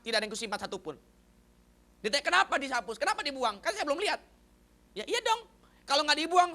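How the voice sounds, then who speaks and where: A middle-aged male pastor, preaching a blunt and candid sermon that swings between loud shouts and soft hushed lines. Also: extremely high pitch, vocal fry.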